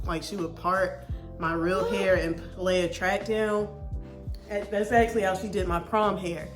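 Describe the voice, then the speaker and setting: A woman hosting a reaction video, giving casual advice in a friendly tone and calling the viewer baby. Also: fairly low pitch. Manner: warm, advising tone, calls the viewer baby.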